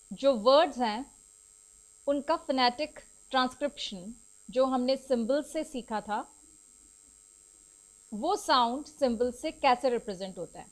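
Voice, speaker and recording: High-voiced Indian woman teaching slowly. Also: poor audio. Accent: Indian English. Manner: switches between Hindi and slowly spoken English; repetitive, explanatory teaching. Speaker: English teacher. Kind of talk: recorded video lecture.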